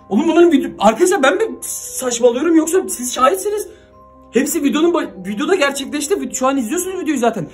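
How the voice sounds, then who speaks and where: A man's voice: very high-pitched, slightly rough. A young man vlogging from his home, talking to his viewers in a frantic, confused, exclaiming way. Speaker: YouTuber. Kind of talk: excited vlog talk to viewers.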